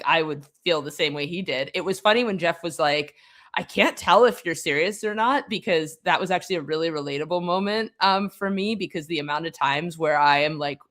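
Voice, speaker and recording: A woman's voice: sits low, fairly bright tone. A woman guest on a podcast, chatting casually and wryly, with many fillers and restarts. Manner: wry, tongue-in-cheek.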